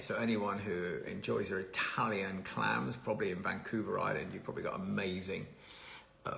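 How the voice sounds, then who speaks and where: A man hosts a casual live stream from his home. His voice is low and gravelly with a bright, forceful edge. He rambles chattily and greets viewers one by one.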